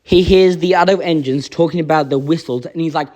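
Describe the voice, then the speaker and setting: A man's voice: a little high, fairly quick, darkish tone. A man hosting his own video, explaining his views in an earnest, explanatory way and now and then acting out quoted lines. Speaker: channel host reviewing a children's show episode. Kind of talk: casual video commentary.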